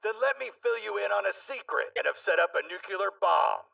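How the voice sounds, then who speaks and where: A sneering battle-hardened veteran soldier. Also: male voice, sits high, lively intonation, fairly quick, gravelly, bright, forceful tone, recorded from a distance, full character voice, poor audio. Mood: menacing. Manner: sneering, menacing taunts. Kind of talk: anime English dub acting.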